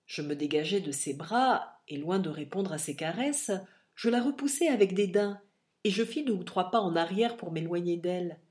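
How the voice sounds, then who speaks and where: A woman's voice: lowish voice, normal speed. Woman reading a classic novel aloud. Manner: expressive literary reading. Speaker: audiobook reader. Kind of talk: scripted narration of a classic novel.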